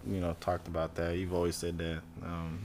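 A young woman guest on a podcast, talking in a relaxed, rambling, slangy way and swearing freely. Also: extremely low pitch, fairly quick, a loud crowd. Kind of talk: casual chat.

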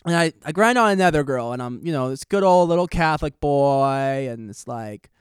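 A young man in his late twenties hosts a casual podcast, telling a story in a rambling, joking, self-deprecating way. His voice sits a little high for a man and sounds smooth and clean. He is slightly out of breath, and the recording is dry and close. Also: animated, normal speed, no room sound. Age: 20s. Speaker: podcast host.

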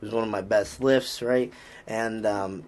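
A Boston-accented strength coach with a low, steady, darkish voice talks unhurriedly on a casual podcast. He rambles cheerfully about lifting, peppering his speech with fillers and restarts.

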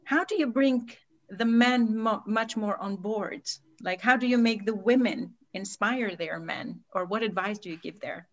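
A woman co-hosting a podcast, with a voice of middling pitch. She is warm and effusive and sometimes gropes for words as she asks questions. Her sound is slightly dull. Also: unhurried, few pauses. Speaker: podcast co-host. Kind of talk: casual interview chat.

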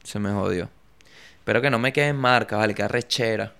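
A man's voice: lowish voice, brisk, vocal fry, a bit bright, clean tone. A young man hosting a casual podcast, talking in a playful, slangy, joking way and slipping into little bits and impressions. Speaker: podcast host. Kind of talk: casual comedic podcast chat.

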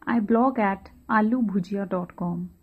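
Woman, Indian accent, medium pitch, husky edge, earnest prepared delivery, muffled lo-fi audio. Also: measured pace. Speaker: teacher and part-time blogger. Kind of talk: prepared testimonial to camera or mic. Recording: dull, lo-fi, muffled sound.

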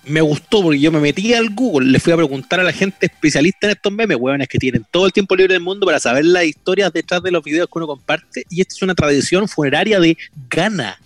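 A man's voice: on the high side, lively intonation, fast, hardly any pauses, dry recording, soft background music. A man with a Chilean accent co-hosting a podcast in loose, slangy chat, prone to vocal imitations. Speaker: podcast host. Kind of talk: casual chat.

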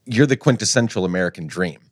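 A man's voice: sits low, lively intonation, fast talker, dry recording, studio quality. A man hosting an interview, asking long, rambling questions and searching for words. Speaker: host.

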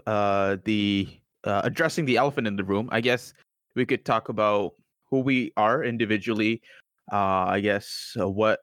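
Low-pitched young man, smooth and dry. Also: fairly bright tone, no room sound. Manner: hesitant, many fillers and restarts. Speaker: podcast co-host. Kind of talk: casual podcast chat. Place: student university, Canada.

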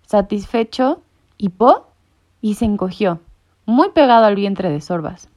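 A woman narrating a storybook with expressive storytelling. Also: medium pitch, measured pace. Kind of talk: storybook reading. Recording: muffled lo-fi recording.

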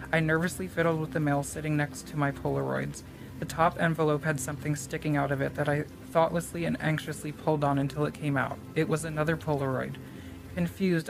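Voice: mid-range voice, vocal fry, rough recording. A podcast co-host reading a creepy story aloud, then chatting casually and laughing often. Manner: laughs often, drawn-out emphasis.

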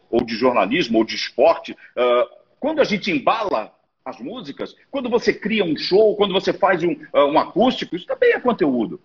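A middle-aged man with a raspy voice, a radio executive telling stories in a casual interview. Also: sits high. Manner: relaxed, chatty, swears casually. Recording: dull lo-fi sound.

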